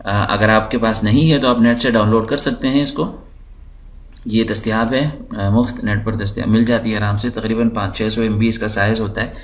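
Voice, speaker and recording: A man teaching English, explaining slowly and patiently while walking through dictionary and translation tools on his screen, often repeating words for learners. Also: on the low side, steady tone. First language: Urdu. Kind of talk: screen-recorded lesson.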